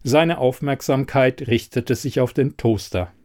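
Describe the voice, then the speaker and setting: Measured male audiobook narrator. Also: mid-range voice. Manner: even, measured storytelling. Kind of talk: scripted narration.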